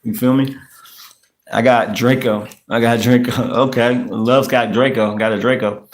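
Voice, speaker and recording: Unhurried and fairly even in intonation, a medium-pitched man from the United States, late thirties, runs a casual livestream as a podcast host. He goes through comments in loose talk, saying things more than once and using street slang.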